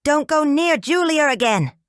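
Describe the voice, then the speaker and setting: A woman voicing a large, angry, bearded man who shouts threats at his ex-wife's boss in an audiobook. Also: lowish voice, expressive, moderate pace, no echo, clean studio sound, lightly acted. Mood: menacing. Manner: shouting, menacing. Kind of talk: audiobook character voice.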